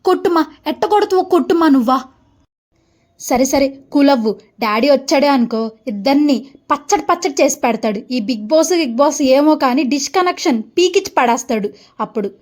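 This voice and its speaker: A woman performing a one-woman comedy skit as a mother, gossiping chattily and scolding her daughter loudly. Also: high voice, normal speed. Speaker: comic sketch creator.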